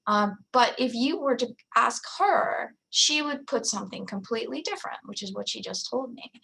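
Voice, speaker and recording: Her voice sits on the high side, gravelly and fairly bright, at a normal speed, in a slightly rough recording. She's a woman in her forties presenting a conference talk conversationally, peppering it with fillers, asides, and plenty of "you know."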